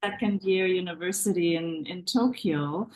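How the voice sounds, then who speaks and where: A woman's voice: lowish voice, normal speed, a little mellow, poor audio. A middle-aged woman from Canada, a guest in a conversational interview, chatty, restarting her sentences often. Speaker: guest author.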